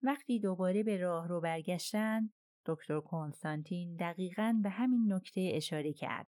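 A woman reading a crime novel aloud as an audiobook narrator, in steady, even storytelling. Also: on the low side, no room sound, studio quality.

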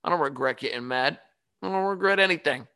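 A man hosting his own podcast, talking casually in an animated, ranting, self-mocking way. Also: on the high side, fairly quick, clean tone, no room sound. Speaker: podcast host. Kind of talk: casual solo monologue. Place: home studio.

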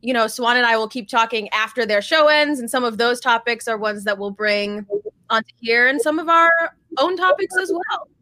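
A bright, crisp-voiced woman co-hosting a podcast, chatty and upbeat and quick to laugh. Her voice sits fairly high, recorded close and dry with no room sound. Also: animated, dry recording. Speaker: podcast co-host. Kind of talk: casual chat.

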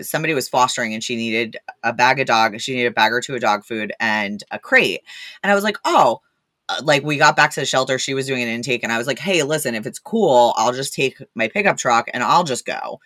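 A woman guest on a podcast, telling stories in a blunt, animated way with lots of fillers. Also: rumbling low, no room sound. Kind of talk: casual storytelling.

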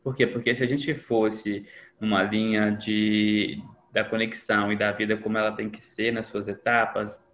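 A man's voice: fairly low pitch, flat delivery, moderate pace, fairly bright tone. Man talking in an echoey room. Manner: reflective, acts out quoted dialogue. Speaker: podcast guest. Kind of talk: casual conversation. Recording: echoey room with faint noise.

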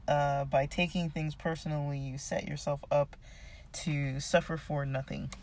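This reader, losing their voice, chats off the cuff about a self-help book, hesitating and working out their thoughts as they go. The voice is medium in pitch with a slightly dark tone.

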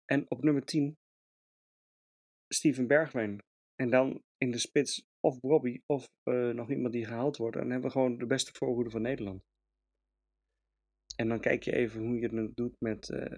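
A man's voice: medium pitch, vocal fry. A man from the Netherlands giving an opinionated, emphatic match review as a fan podcast host, with frequent hesitations. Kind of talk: casual match review monologue.

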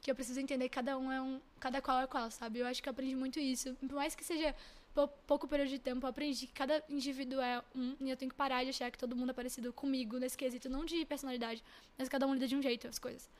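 Young woman guest, high-pitched, emotional, rambling chat, near tears. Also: little pitch movement, very fast. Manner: tearful, rambling and self-teasing. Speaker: podcast guest.

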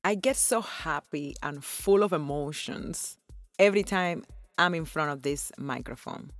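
A Cuban woman in her forties hosts her own podcast, delivering a personal monologue in an effusive, earnest manner and laughing often. Her voice sits low and unhurried. The recording is dry, with faint music in the background.

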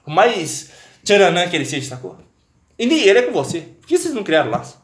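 A man retells a story in a loose, slangy, animated way, with his words tumbling out quickly. His voice sits a little high. The room around him is echoey. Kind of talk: casual chat.

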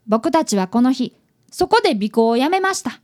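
In a radio drama, a woman voices a fifth-grade boy who is training as a detective, speaking politely and earnestly in both dialogue and narration. The voice is very high and darkish in tone, swinging animatedly through big pitch changes at normal speed, with an earnest narrating mood.

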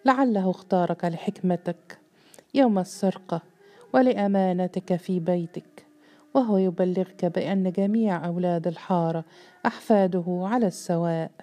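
A mysterious male servant speaks with quiet, reassuring calm, as a woman narrator puts him on. The voice is low and very dark, almost mellow. He never raises it. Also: moderate pace, natural voice.

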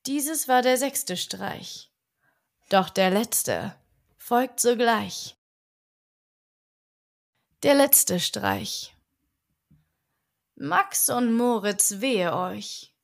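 Slow, soothing woman reading a bedtime tale. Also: medium pitch. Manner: slow, soothing rhymed recitation. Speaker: audiobook reader.

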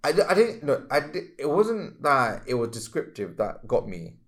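Guy cohosting a spiritual podcast, mid pitched, animated, exclaims a lot. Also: moderate pace. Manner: animated, exclamatory, acts out reactions. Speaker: podcast co-host. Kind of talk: casual spiritual podcast chat.

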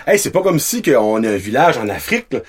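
A man's voice: medium pitch, a little fast, slightly rough. A man chatting casually on a podcast, telling stories in slangy French mixed with English words. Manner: animated storyteller, slangy, mixes in English words.

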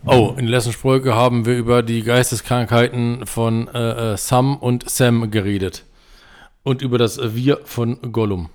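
A man co-hosting a podcast with dry, deadpan humor. His voice sits in a middle pitch. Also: measured pace. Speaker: podcast co-host. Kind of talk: casual chat.

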